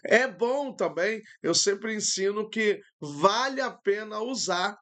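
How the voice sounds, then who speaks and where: A Brazilian pastor in middle age leads a live-streamed Bible lesson from his computer. His voice sits high and moves slowly and deliberately. He explains Greek terms patiently, filling pauses as he thinks. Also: lively intonation, pushed and bright. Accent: Brazilian Portuguese.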